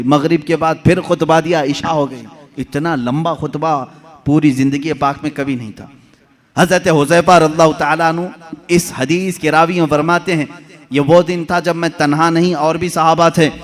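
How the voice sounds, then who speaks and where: Middle-aged guy preaching, kinda high voice, loud verses then quiet storytelling. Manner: dramatic, swings between loud poetic recitation and hushed storytelling. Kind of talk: Urdu-Hindi religious sermon.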